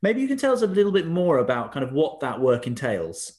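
A man hosting an interview, reading a formal guest introduction and asking measured questions. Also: fairly high pitch, wildly swooping pitch, darkish tone. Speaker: host. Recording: roomy echo.

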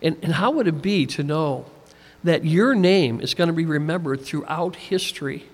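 A man's somewhat high voice carries through a large room with a long, trailing reverb. He preaches as an easygoing pastor, folksy and a little tired, scattering "you know" through his sentences. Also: animated, moderate pace. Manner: conversational, folksy, many "you know" fillers. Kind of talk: sermon.

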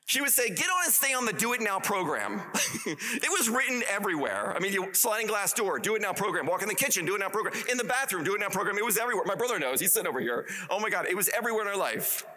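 A man's voice: high-pitched, animated, racing, sharp tone. A man in his forties giving a live motivational commencement speech to an audience, gushing and exclamatory, laughing often as he talks. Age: 40s. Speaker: commencement keynote speaker. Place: university commencement ceremony, before a live audience.

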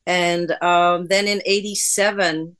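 A woman's voice: lowish voice, steady tone, slow pace, a bit bright, smooth. A woman from the Netherlands, a guest on an interview podcast, telling her story in a chatty way with fillers. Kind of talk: casual interview.

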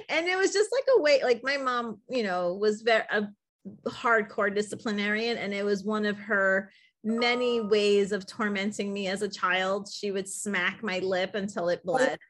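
A woman's voice: mid-range voice, a bit bright. A woman co-hosting a podcast in a casual, chatty style. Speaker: podcast co-host. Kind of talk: casual chat.

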